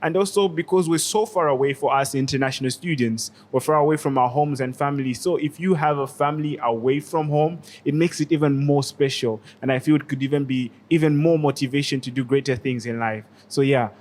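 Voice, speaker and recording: Calm man in his twenties from Zambia. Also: medium pitch, a little fast, few pauses. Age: 20s. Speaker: student guest. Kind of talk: casual podcast chat.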